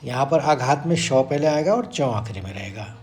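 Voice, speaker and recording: A man teaching a sacred Sanskrit verse, explaining it slowly and deliberately and chanting the lines again and again. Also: medium pitch, expressive, darkish tone. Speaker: Gita teacher. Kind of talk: devotional verse lesson.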